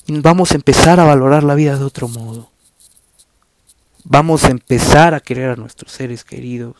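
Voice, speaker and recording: A man's voice: medium pitch, darkish tone, dry recording. A young man with a Mexican accent hosting a podcast, rambling casually with crude slang. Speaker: podcast host.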